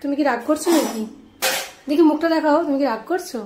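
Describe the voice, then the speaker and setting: Home vlogger, young woman, bossy and teasing, bright high voice, talks fast. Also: background noise. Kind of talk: casual home vlog. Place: home indoors.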